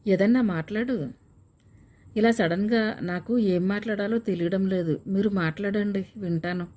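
A woman reading the lines of a shy young woman engaged to be married, speaking softly and bashfully. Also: medium pitch, normal speed, close to an everyday voice. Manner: soft, bashful. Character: shy young bride-to-be, soft-spoken. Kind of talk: audiobook character reading.

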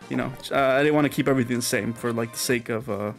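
A man's voice: medium pitch, fairly quick, gravelly, faint music behind. A man giving casual gameplay commentary as a let's play host, rambling with lots of fillers and frequent laughter.

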